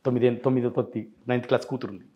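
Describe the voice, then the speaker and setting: A man's voice: mid-range voice, steady tone, very fast, dull audio. A man as an interview guest, telling his side insistently and acting out past phone calls. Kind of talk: rapid interview account.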